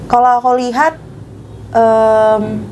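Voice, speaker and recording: A woman's voice: fairly high pitch, little pitch movement, slow, a little mellow, faint music behind. A young woman, a pageant titleholder, chatting casually as a guest, giggling often and filling her talk with little fillers. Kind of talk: casual chat.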